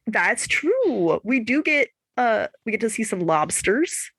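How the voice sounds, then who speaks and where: A woman chatting casually as a book podcast co-host, playful and quick to laugh, her voice congested because she can't breathe through her nose. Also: on the high side, slightly rough, no room sound. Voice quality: congested, stuffy blocked-nose voice. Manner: playful, animated, laughs easily. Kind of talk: casual chat.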